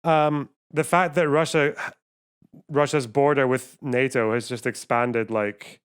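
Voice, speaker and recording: A man chats casually as a livestreamer reacting to a video. His voice is clear and smooth, mid-pitched, and his talk is informal and peppered with swearing. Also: flat delivery, measured pace.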